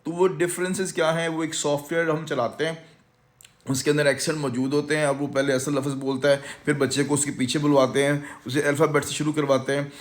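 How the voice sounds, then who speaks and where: Speaking a little high and fairly fast, this English course instructor keeps his pitch nearly flat. He's a man with a Pakistani Urdu accent making a self-assured sales pitch at a language institute, mixing English words into his talk.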